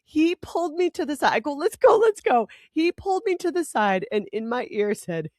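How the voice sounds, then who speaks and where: A woman in her forties, a podcast co-host telling a story in casual chat, animated and laughing often. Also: high voice, a little fast, no echo, studio quality.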